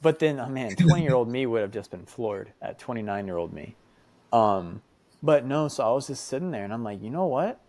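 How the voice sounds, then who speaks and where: A man's voice: medium pitch, fairly quick, no echo. A young man from the United States chats as a podcast guest, telling stories with plenty of "um"s and "like"s. He acts out the voices of people in his stories. His voice sits mid-range and sounds close and dry, with almost no room. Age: young adult. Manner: animated, acts out quoted voices, many fillers. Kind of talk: casual storytelling.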